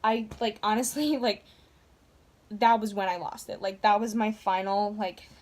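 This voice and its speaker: A woman's voice: mid-range voice, steady tone, measured pace, darkish tone. A woman vlogger telling a story to camera in a gushing, casual way, filling her talk with "like". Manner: gushing, heavy use of "like".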